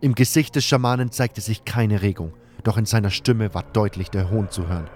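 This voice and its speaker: A man's voice: fairly low pitch, normal speed, a little mellow. A man reading a scripted first-person fantasy story as its narrator.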